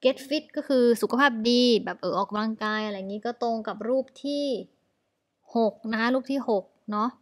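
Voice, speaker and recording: Woman, Thai accent, somewhat high voice; casual online English teacher going over vocab one by one. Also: normal speed. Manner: explains in Thai, mixing English words, with many particles.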